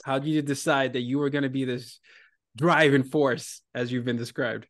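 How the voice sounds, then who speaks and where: A man from Nigeria hosting an interview podcast, talking in an animated, conversational way. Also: medium pitch, moderate pace, no echo, studio quality. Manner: animated, conversational, with frequent fillers. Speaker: podcast host.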